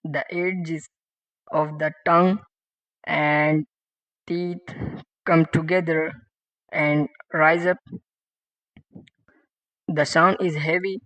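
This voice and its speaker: Speaking slowly and flatly in a somewhat high voice, a man teaches beginners how to pronounce Quranic letters, voicing each sound repeatedly and more loudly than his short, plain explanations. The sound is dry, dull and lo-fi, with faint background music.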